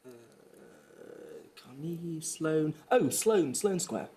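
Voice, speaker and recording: A man's voice: fairly high pitch, expressive, slow pace, very noisy. A young male quiz contestant who thinks aloud hesitantly and corrects himself while conferring.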